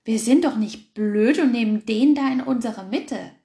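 A woman's voice: on the high side, moderate pace, vocal fry, mellow. A woman voicing a scornful flock of sheep that bleat their complaints, in a storybook reading. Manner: mocking, bleating.

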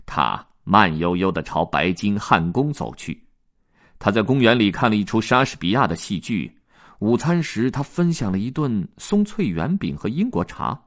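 A man reading a children's story aloud, with lively, expressive narration. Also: on the low side, moderate pace.

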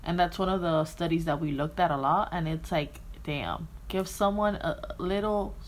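A woman co-hosting a podcast, talking politics casually, with blunt, profane remarks. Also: lowish voice. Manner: blunt, profane, quick asides. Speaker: podcast co-host.

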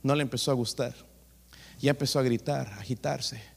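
A man preaching a sermon as pastor, telling a story with lively energy and repeatedly calling his listeners brothers. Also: medium pitch, a little fast, gravelly, breathy edge, in a large hall. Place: church sanctuary.

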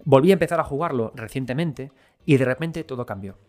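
A video game commentator from Galicia, Spain, gives a casual spoken game review, talking fairly quickly in a mid-range voice with a darkish tone. He's enthusiastic and conversational, speaking straight to his viewers.

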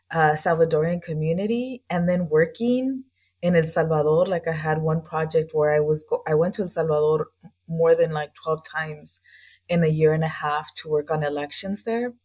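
A woman from East Los Angeles, the founder of a language school, tells her story as a guest on an interview podcast in an earnest, reflective, loosely chatty way. Her voice is low and a little mellow, at normal speed.

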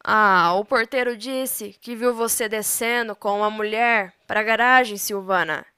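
A woman's voice: medium pitch, a little slow, pushed and bright, clear, resonant tone, no room sound, clean studio sound. A woman voicing a suspicious husband who presses for answers, with a Brazilian Portuguese accent. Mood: pressing. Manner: pressing, accusing. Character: suspicious pressing husband, middle-aged man.

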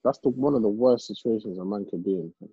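A man's voice: on the low side, fast talker, slightly rough. A young man with a London roadman accent, chatting casually in slangy, incredulous street banter. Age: young adult. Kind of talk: casual chat. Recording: muffled, roomy sound.

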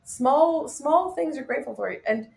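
A woman's voice: sits high, measured pace, creaky. Enthusiastic woman, guest. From west coast of the United States. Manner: animated, enthusiastic, laughs easily. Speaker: guest, life coach. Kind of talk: casual interview chat.

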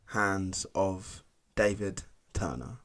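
A man's voice: low voice, expressive, drawn-out words, gravelly, fairly bright tone. A man who drops his T's, presenting a scripted podcast introduction as its playful host.

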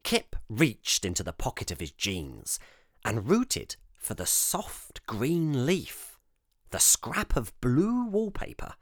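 A man reading a storybook aloud, slow and measured, his voice swinging widely in pitch. It sounds close and dry, with no room around it. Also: dry recording. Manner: expressive and measured. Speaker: narrator. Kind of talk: storybook narration.

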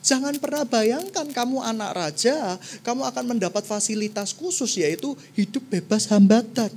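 A woman preacher giving a sermon, telling the story in a playful, animated way and swinging between soft and loud. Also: a little high, normal speed, husky.

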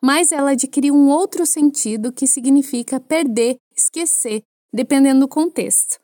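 Brazilian female language teacher, bright high register, dead-dry studio read, clear and patient. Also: normal speed, dry recording. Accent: Brazilian Portuguese. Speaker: French teacher. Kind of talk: language lesson for Portuguese speakers.

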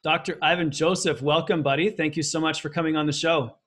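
A man's voice: a little high, fairly even intonation, fairly quick, a bit bright. A man hosting a podcast, reading a guest introduction and then talking in an earnest, reflective way with plenty of fillers. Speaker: podcast host. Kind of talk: podcast intro and interview chat.

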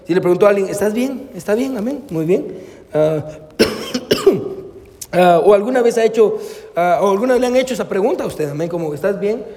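A man's voice: high-pitched, expressive, moderate pace, long pauses, dark tone. A male pastor preaching a sermon, peppering his lines with amén and hermano and slipping into English phrases, with hesitant, storytelling restarts. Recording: long hall reverb.

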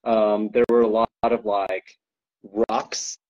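A man's voice: fairly low pitch, level tone, takes it slowly, lo-fi sound. A man chatting as a podcast guest, rambling with lots of ums and likes and frequent laughs. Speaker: guest co-owner describing an ultra race. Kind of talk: casual podcast chat.

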